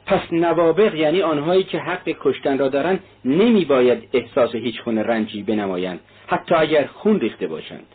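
A man's voice: fairly high pitch, animated, few pauses, husky. A man reading the part of an earnest, impulsive young male friend who protests openly. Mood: protesting. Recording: tinny narrow-band audio.

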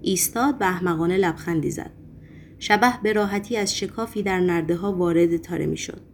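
A woman narrating a novel as an audiobook, reading in a steady, measured way. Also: lowish voice, slight background noise. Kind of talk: scripted narration.

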